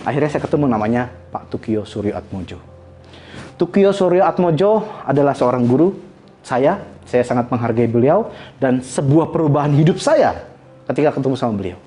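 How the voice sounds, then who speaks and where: A man, a business coach, giving a dramatic motivational talk to an audience, swinging from hushed lines to soaring emotional peaks. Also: medium pitch, sing-song, normal speed, faint music behind.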